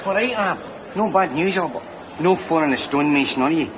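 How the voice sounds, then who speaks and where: A cheeky, leering Glaswegian man full of crude wisecracks, as an actor plays him. His voice sits high for a man, and a busy outdoor crowd and traffic noise fill the background. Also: expressive, fairly quick, close to an everyday voice. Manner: leering, wisecracking, mock-consoling. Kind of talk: TV sitcom acting.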